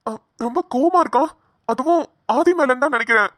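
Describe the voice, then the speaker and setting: A woman voicing a patient, bewildered middle-aged father in a cartoon, trying to calm a friend. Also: high voice, a little fast, no echo, clean studio sound. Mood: puzzled. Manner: puzzled, placating. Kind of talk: cartoon voice acting.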